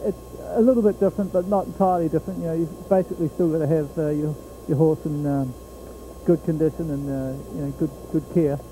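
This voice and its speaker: Kiwi horse trainer guy, middle-aged, very dark mellow voice, lots of ums, outdoor track interview. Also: fairly high pitch, steady tone, a little hiss or hum, poor audio. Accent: New Zealand. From New Zealand. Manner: plain-spoken, pauses with many ums and you-knows. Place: outdoor fairground racetrack.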